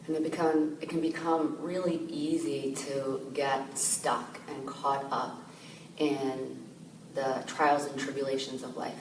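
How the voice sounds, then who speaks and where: A woman meditation teacher calmly guiding a meditation, speaking gently and slowly with soft fillers. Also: extremely low pitch. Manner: gentle, slow, soothing guidance with soft fillers. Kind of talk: guided meditation. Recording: echoey room, distant mic, noisy ambience.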